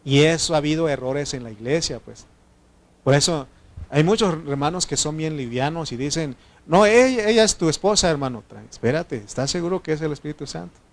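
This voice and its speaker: A man's voice: a little high, brisk, gravelly. A man preaching a sermon, teaching the congregation and checking in with frequent questions. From Mexico. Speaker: pastor.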